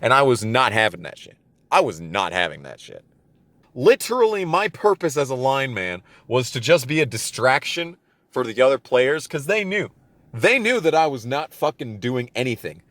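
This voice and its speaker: With a sing-song, somewhat bright mid-range voice at normal speed and no echo, a man in his twenties tells a personal story for a gaming channel. He's casual and funny, ranting profanely in exasperation and repeating himself emphatically.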